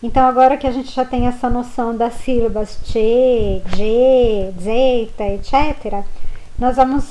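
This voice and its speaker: A woman from Brazil teaching a pronunciation lesson, spelling out letters and modelling each word slowly and patiently. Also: a little high, fairly even intonation, mellow, a little hiss or hum, poor audio. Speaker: language teacher. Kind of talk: slow spoken lesson.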